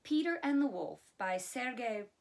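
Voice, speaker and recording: A woman's voice: a little high, unhurried, vocal fry. Woman casually reading a biography aloud. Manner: relaxed, with chatty asides. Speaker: audiobook reader.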